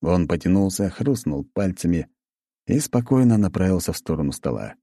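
Deep, dark-voiced male narrator. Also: lively intonation, normal speed, dry recording. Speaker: audiobook narrator. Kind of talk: first-person audiobook narration.

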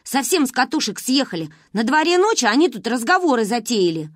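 A woman's voice: a little high, very animated, fairly quick, no echo, studio quality, voice pushed up. A woman voicing a stern, irritable older sister who gives clipped, menacing warnings in a storybook reading.

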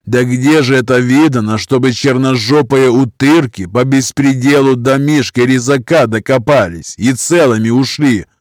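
A man's voice: medium pitch, moderate pace, few pauses, no echo, studio quality, pitched above the performer's own voice, lightly acted. A man voicing a huge, scarred criminal who drawls threats in thieves' slang. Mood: menacing.

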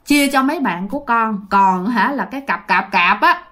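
Woman voicing a gentle old grandmother. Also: fairly high pitch, expressive, normal speed, pitched below the performer's own voice. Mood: promising. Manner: gentle, pleading, coaxing. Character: frightened, soft-hearted elderly grandmother.

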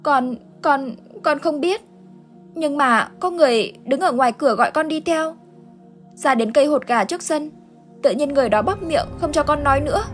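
A woman's voice: normal speed, soft background music, lightly acted. A woman voicing a frightened little village boy who cries and pleads for his mother in a ghost story. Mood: scared. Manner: sobbing, pleading, high and shaky.

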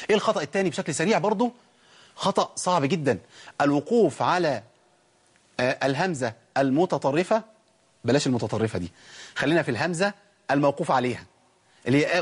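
Fast-talking Egyptian man teaching recitation. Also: a little high, husky. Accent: Egyptian Arabic. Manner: rhetorical questions, stretched sung demonstration syllables. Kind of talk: colloquial tajweed lesson with recited demonstrations.

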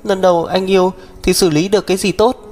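Một người đàn ông đọc truyện, lồng tiếng một cô em gái trẻ bướng bỉnh, hay khóc, nói giọng the thé và phẫn nộ. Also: male voice, fairly even intonation, fast, darkish tone. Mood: defiant. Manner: shrill, indignant, pouting. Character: young woman, stubborn tearful younger sister.

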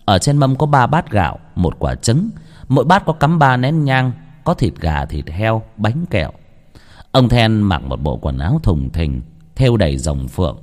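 A man narrates a ghost story in a low voice that climbs and falls with a lot of movement. His reading is dramatic and expressive, and a long reverb trails behind each line. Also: normal speed.

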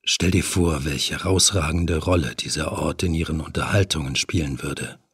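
A man narrating a horror audiobook in a measured, even storytelling manner. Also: a bass voice, slightly rough, no room sound, studio quality.

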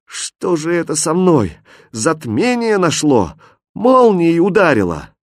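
A man voicing a brave, hot-headed young village hero in a fairy tale, declaring things loudly and fervently. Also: medium pitch, sing-song, normal speed, slightly rough, dry recording, studio quality, pitched above the performer's own voice. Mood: despairing.

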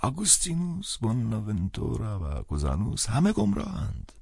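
A man voicing a grumpy, suspicious old man on the phone, with a husky voice, in an audiobook. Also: no echo, clean studio sound, exaggerated voice. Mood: gruff. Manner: gruff, mumbling, then shrill and excited. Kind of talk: audiobook character voice.

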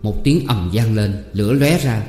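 A man reading a short story aloud in a steady, measured way. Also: fairly low pitch. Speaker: narrator. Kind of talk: audiobook narration. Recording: roomy reverb with faint music.

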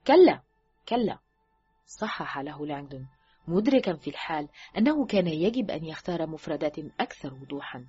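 Husky woman reading a thriller aloud. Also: fast talker. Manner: expressive reading, dropping low and quiet at sentence ends. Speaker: audiobook narrator. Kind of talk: scripted narration of a thriller novel. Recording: dull lo-fi recording with faint music.

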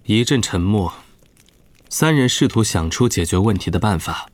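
A man reading a novel aloud as narrator, in a steady, even storytelling manner. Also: lowish voice, moderate pace. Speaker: audiobook narrator. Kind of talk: scripted narration.

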